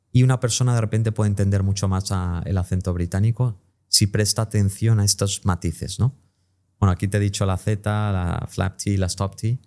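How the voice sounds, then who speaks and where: A man's voice: fairly low pitch, a little mellow. A man, an English teacher and interview guest, who explains pronunciation and demonstrates English sounds as he talks.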